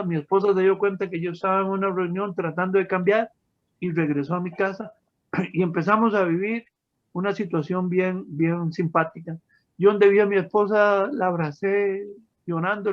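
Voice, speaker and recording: High-voiced man giving a testimony. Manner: emotional, storytelling, addresses listeners as friends. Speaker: testimony speaker. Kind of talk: personal testimony to an audience. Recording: dull lo-fi sound.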